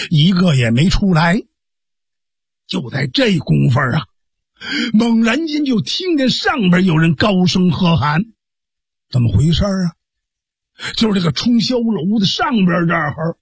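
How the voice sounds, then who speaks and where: A man narrating a traditional Chinese storytelling piece, dramatic and lively, adding spoken sound effects. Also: high voice, husky, dry recording. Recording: dry studio radio recording.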